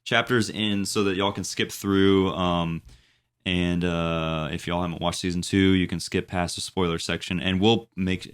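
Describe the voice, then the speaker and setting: A young man in his twenties chats loosely as a podcast co-host, his voice sitting deep and low. He rambles along, circling back through fillers and restarts as he works out his thoughts. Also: a bit bright, smooth. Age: 20s. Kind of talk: casual chat.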